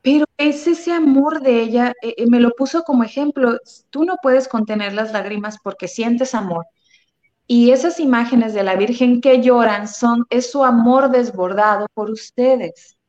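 A woman's voice: fairly high pitch, a little slow, a little mellow. A woman talking earnestly and emotionally about love and tears, with many fillers. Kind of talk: spiritual conversation. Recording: dull lo-fi sound.

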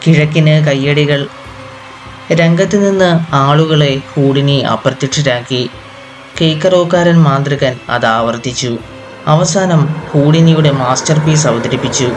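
Male audiobook narrator, somewhat raised pitch, steady measured reading, soft music underneath. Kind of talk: scripted literary narration.

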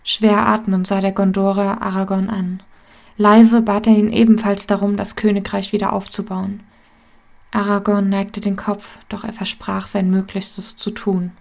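Gravelly woman narrating a story. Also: mid-range voice, little pitch movement, unhurried, a little mellow. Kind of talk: storybook narration of fan fiction.

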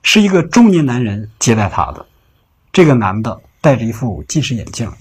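A man narrating a late-night story in an unhurried, conversational way. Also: medium pitch, big pitch swings. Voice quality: very husky. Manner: unhurried, conversational telling with filler particles.

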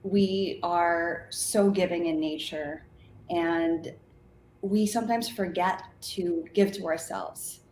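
Slow-talking woman guest in an echoey room. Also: fairly low pitch, steady tone, a little mellow. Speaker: guest, manifestation coach. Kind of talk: reflective interview answers. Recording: echoey room with faint noise.

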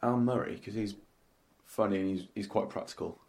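Low-voiced man in jokey chat. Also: normal speed, creaky, darkish tone. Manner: jokey, swears casually, talks over the other. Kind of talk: casual chat.

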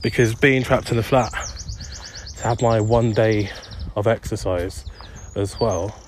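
A man's voice: fairly low pitch, steady tone, measured pace, a little hiss or hum. Rambling young man walking outdoors. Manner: rambling, self-deprecating, easily distracted. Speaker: podcast host. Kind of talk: casual solo podcast monologue while walking. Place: outdoors on a street.

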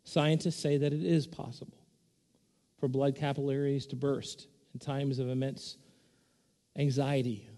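Unhurried and with little pitch movement, a man preaches as a pastor in the long reverb of a church hall. He speaks earnestly, growing louder and higher each time he returns to a repeated point.

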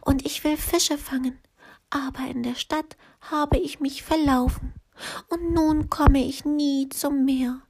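A woman reading a storybook aloud and voicing a gentle, sad male giant in a soft, apologetic whisper, as whispered role-play. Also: high-pitched, steady tone, slow pace, voice pushed up. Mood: sad, timid.

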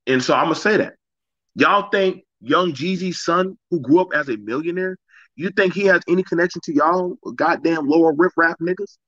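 A man talks bluntly and with energy on a casual podcast, his voice forceful and bright and pitched a little high. The mic sounds dry and dull, like a lo-fi call recording. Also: moderate pace, no echo. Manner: blunt and animated, drops into voices when quoting people.

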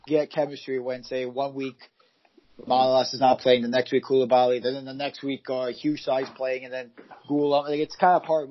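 Through muffled audio, a mid-range male voice rambles on a casual football podcast. The co-host is a football fan who keeps using fillers and restarting his sentences.

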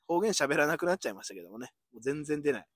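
A man's voice: on the high side, lively intonation, rapid-fire, dry recording, studio quality. A man in his thirties from Hiroshima, co-hosting a casual podcast chat, rambling with many fillers. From Hiroshima, Japan. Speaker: podcast co-host.

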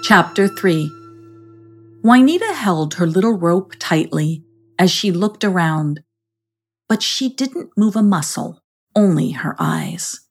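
Lady reading a kids' storybook, slow and gentle, kinda husky and gravelly. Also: lowish voice, lively intonation, soft background music. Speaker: narrator. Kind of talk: scripted storybook narration.

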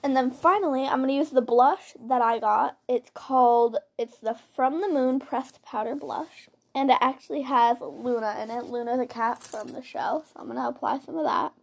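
A woman with a high voice hosts an informal tutorial, talking through each step in a chatty way as she works. She is recorded on a simple built-in laptop-style mic instead of a proper studio microphone. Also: moderate pace, creaky, hardly any pauses. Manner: chatty, informal, step-by-step narration while doing makeup. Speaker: host of a makeup tutorial show. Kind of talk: casual spoken makeup tutorial. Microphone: built-in device mic rather than usual microphone.

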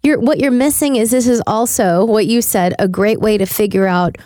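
A woman's voice: fairly high pitch, moderate pace, warm tone, no room sound. A woman co-hosts a morning radio show and tells a story in a chatty, conversational way. Her voice is heard dry and close in the studio.

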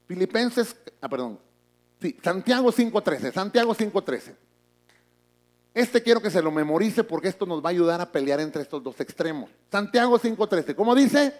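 A middle-aged pastor preaches a sermon in a church, swinging between booming emphasis and hushed asides.

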